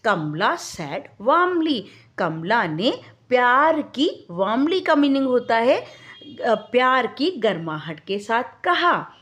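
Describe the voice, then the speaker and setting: A woman teacher with an Indian accent reads each English line slowly and then explains it word by word. Her voice sits fairly high and moves up and down a lot. She keeps asking simple questions and answering them, speaking like a patient tutor. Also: big pitch swings, a bit bright. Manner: calls the listener "beta" affectionately. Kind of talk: bilingual English lesson explained in Hindi.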